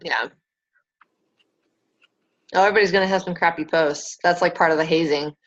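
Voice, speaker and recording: A woman hosting a casual team call, chatty and laughing often, acting out quotes in a higher voice. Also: normal speed. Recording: dull lo-fi call audio.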